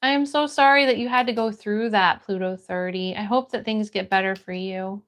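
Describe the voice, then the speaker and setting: An American woman with a medium-pitched, fairly bright voice hosts a livestream at a moderate pace, her intonation fairly even. She chats casually with viewers, reads their comments aloud, and greets people by name in a friendly, encouraging way.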